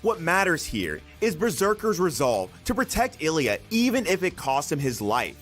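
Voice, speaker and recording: Guy doing scripted top ten narration, kinda higher voice, really animated pitch, music in the back. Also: normal speed. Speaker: narrator of an anime countdown video.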